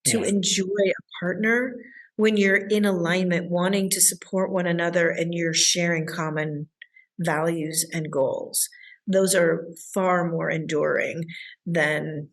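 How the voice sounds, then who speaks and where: A woman's voice: fairly low pitch, steady tone, unhurried. Enthusiastic woman relationship coach. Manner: enthusiastic, acts out clients' voices. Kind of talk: interview answers.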